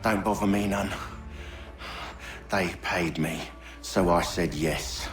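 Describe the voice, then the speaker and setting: A low-voiced, cynical mercenary villain. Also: male voice, steady tone, slow, faint music behind. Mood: defiant indifference. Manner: coarse, scornful, folksy grammar. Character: cynical, mercenary lowlife villain, unrepentant and defiant.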